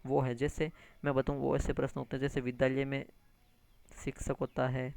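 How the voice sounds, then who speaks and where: A man gives an animated exam-prep lesson, repeating key terms, calling his listeners friends and mixing English words into his lecture. His voice is medium in pitch, fairly quick and touched with vocal fry, with no echo.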